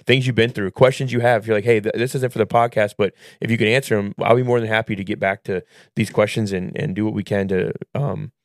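A man rattles along at a quick clip in a fairly low voice, hosting a casual podcast with an earnest, preacherly edge. He often poses a question and answers it himself. The sound is dry and close. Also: fairly even intonation, no echo. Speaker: podcast host. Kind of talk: casual faith-centered podcast chat.

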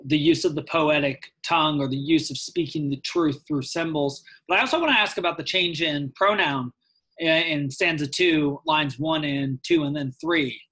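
A man asking questions about a poem and reflecting on how to read slowly, in a conversational tone. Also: a little high, fairly bright tone, rough recording. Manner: inquisitive, reflective, asks questions. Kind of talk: conversational close reading.

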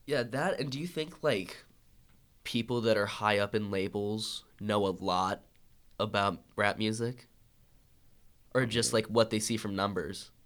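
A man chatting casually as a podcast co-host, asking relaxed questions. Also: lowish voice, a little slow. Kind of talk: casual chat.

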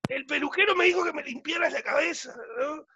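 A man's voice: very high-pitched, fairly quick, dull audio, slight background noise. A man with a Uruguayan accent, co-hosting a talk show and telling a story in casual chat, full of slang. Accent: Uruguayan Spanish. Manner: animated storytelling, frequent slang. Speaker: radio show co-host.

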